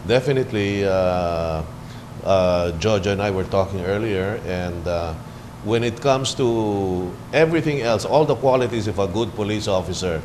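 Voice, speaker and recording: A man's voice: fairly low pitch, normal speed, noisy background. A man from the Philippines hosting a cable TV interview, chatty and joking, with many fillers. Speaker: TV talk show host.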